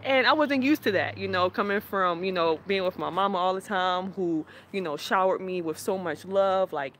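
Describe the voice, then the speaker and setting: A young woman tells a personal story in a loose, candid way, laughing now and then. Her voice is bright and forward. A faint hiss sits under the recording. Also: medium pitch, normal speed. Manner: candid, rambling, laughs often. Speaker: vlogger. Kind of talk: casual personal vlog.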